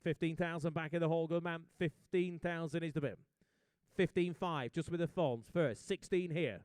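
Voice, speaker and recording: A man calling bids as an auctioneer, his voice a touch high, smooth and resonant. He keeps up quick, jokey patter with the room. The sound is dry and close. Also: a little mellow, no room sound. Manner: brisk, jokey rapid bid calling.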